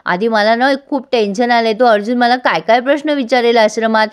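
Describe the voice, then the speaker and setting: A woman's voice: on the high side, fairly even intonation, a little fast, smooth, lightly acted. A woman voicing a scheming, irritable young woman who snaps and scolds, in a serial recap. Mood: anxious. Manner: snappy, scolding.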